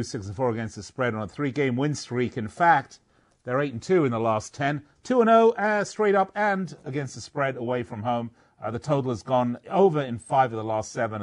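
Male betting-show host, mid pitch, joking, stat-heavy. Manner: jokey, rattles off stats. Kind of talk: casual sports betting talk.

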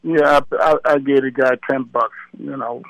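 A man in his seventies, a retired boxer, talking slowly and easily in an interview, often repeating words. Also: medium pitch, fairly even intonation, dry recording, dull audio. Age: 70s. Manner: slow, easygoing, repeats words. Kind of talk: casual phone interview.

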